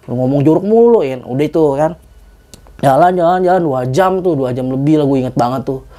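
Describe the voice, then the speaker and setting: A young man, a guest telling a story in casual chat, animated, acting out dialogue and swearing casually. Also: on the high side, fairly quick.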